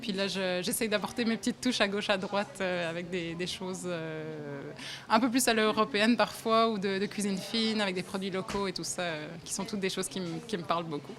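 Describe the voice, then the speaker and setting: Her voice mid-range and a bit bright, a young Belgian woman speaks briskly about her café in a casual indoor interview there. She's hesitant, uses plenty of fillers, and laughs often.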